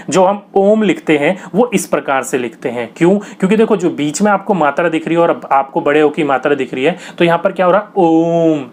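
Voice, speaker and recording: Preparing students for an exam, a young man with a slightly high voice teaches grammar. His style is patient and repetitive, and he answers his own questions.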